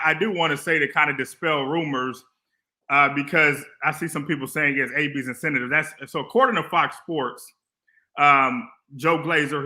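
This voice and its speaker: A man with a bright, sharp-edged voice recaps a football game on a casual sports show. He speaks in a measured way, stumbling over a few words as he lays out what happened. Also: fairly high pitch. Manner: measured, recounts events with small restarts. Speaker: sports podcast co-host.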